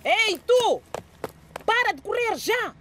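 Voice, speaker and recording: A woman voicing a rude, commanding male police sergeant who shouts orders in a dramatised audio story. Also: very high voice, expressive, takes it slowly, noisy background, pitched above the performer's own voice, heavily acted. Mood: urgent, shouting. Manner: shouting sharp orders at a suspect.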